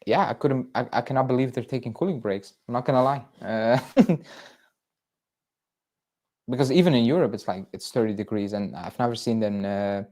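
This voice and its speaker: A man with a medium-pitched, somewhat dark voice talks at a normal speed. Born in Belgium, he hosts a football fan channel and chats on a livestream, reading viewer comments in a rambling way full of fillers and restarts.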